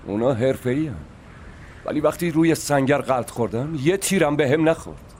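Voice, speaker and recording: Man playing a calm, calculating enemy officer. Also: a little high, a little hiss or hum, natural voice. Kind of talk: dubbed war drama acting.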